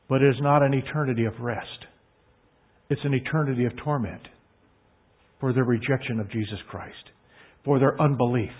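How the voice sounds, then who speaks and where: A man delivers a sermon with earnest emphasis, stretching out the words he wants to land. His voice sits a little high for a man. The sound is thin and tinny, like a phone line. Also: breathy edge. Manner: earnest, emphatic, drawn-out stresses. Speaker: pastor.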